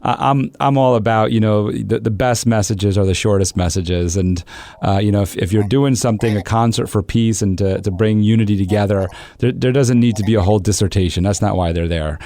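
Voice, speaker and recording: A man's voice: on the low side, a little fast, dark tone. A man hosting a podcast, chatting casually and repeating words as he starts his sentences. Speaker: podcast host. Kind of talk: casual conversational interview.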